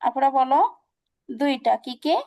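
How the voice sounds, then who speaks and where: A woman's voice: high-pitched, steady tone, mellow, lo-fi sound. A woman teaching an online recitation class, patient and repetitive, asking her students questions. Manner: patient, repeats examples slowly, asks students questions.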